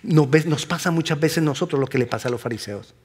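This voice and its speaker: A male pastor delivers a sermon with a fairly high voice. He preaches emphatically, rising to loud stresses and then dropping to hushed, close lines. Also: quick pace.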